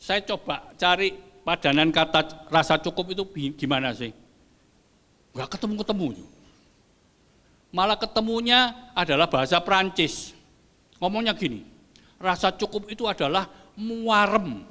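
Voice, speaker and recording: Older pastor preaching in a hall. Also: male voice, high-pitched, a little slow, pauses often. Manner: lively, joking with the congregation, mixing in Javanese. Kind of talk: sermon. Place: church hall. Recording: long church hall reverb.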